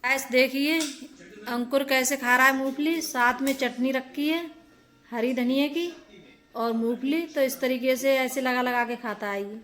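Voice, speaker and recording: A young woman narrating her own home vlog in a casual, unhurried way, with lots of filler words. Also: sits high, a bit bright, faint music behind. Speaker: home vlogger.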